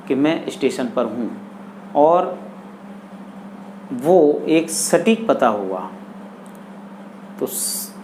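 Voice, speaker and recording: A man teaching English grammar in Hindi, speaking deliberately and repeating each example sentence. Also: mid-range voice, a little mellow, a little hiss or hum.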